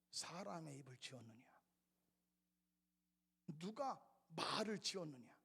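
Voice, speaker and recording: A male pastor preaching an expository sermon, acting out quoted voices, swinging between shouts and whispers. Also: a little high, gravelly, husky. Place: church sanctuary. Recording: reverberant church sanctuary.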